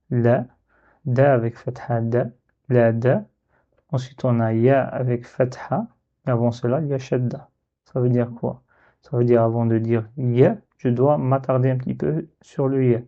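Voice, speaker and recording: Slow patient man, dark muffled voice. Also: mid-range voice. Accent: French. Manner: slow, patient, drawn-out sounding of syllables. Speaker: teacher. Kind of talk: step-by-step reading lesson.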